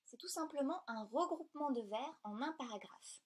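A woman's voice: high-pitched, lively intonation, normal speed. Woman patiently explaining a lesson. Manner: clear, patient, step-by-step explaining. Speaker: teacher.

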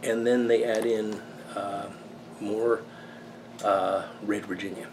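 An American man in his fifties giving a casual, rambling video review in a halting, unhurried way, recorded in a small workshop. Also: lowish voice, steady tone. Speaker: pipe tobacco reviewer. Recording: clearly noisy room background.

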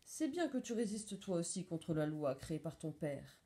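Friendly upbeat luthier guy, mellow voice, a woman reading him. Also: on the low side, very animated, moderate pace. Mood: welcoming. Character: cheerful male instrument maker, kindly.

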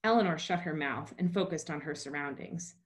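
A woman's voice: deep voice, brisk. A woman novelist reading from her book, then talking casually about writing with many fillers, over a video call. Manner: plain, with many fillers in talk.

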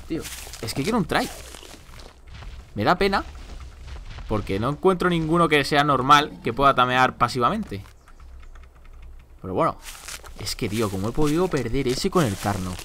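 Animated, exasperated young gamer. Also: male voice, medium pitch, slight background noise. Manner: exasperated, chatty, swears and exclaims often. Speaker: gameplay commentator. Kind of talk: casual game commentary.

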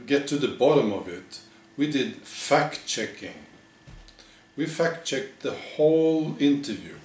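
Slow deadpan man in an echoey room. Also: medium pitch, a little hiss or hum. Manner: deadpan, halting, mock-earnest. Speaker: satirical news presenter. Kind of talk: deadpan parody news monologue. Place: living room with bare walls, indoors. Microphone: camera a few metres away. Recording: echoey room, distant microphone.

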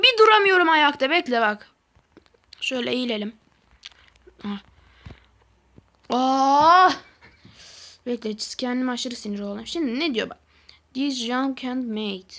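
A gaming channel host gives let's-play commentary, talking to herself as she plays, excitable and quick to get frustrated. Her voice is medium-pitched.

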